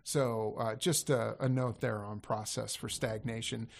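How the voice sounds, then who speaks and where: A man's voice: lowish voice, fairly even intonation, a little slow, creaky. A man talking casually on a podcast as a sales coach, rambling and correcting himself as he goes. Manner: rambling, self-correcting, laughs easily.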